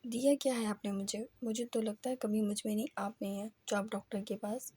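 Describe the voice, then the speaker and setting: A woman's voice: on the high side, fairly even intonation, darkish tone, slightly rough. A woman voicing a distraught young wife who sobs and accuses in an audio novel. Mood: bitter. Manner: sobbing, accusing.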